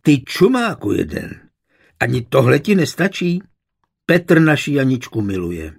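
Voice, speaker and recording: A man voicing an outspoken, sharp-tongued middle-aged mother in a storybook reading. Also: fairly low pitch, wildly swooping pitch, slightly rough, no echo, clean studio sound, exaggerated voice. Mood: scolding.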